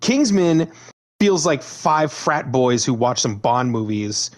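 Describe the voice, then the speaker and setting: A man's voice: mid-range voice, slow pace. A man on a casual movie podcast, ranting and swearing freely. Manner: animated, profane ranting. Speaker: podcast co-host. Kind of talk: casual movie review chat.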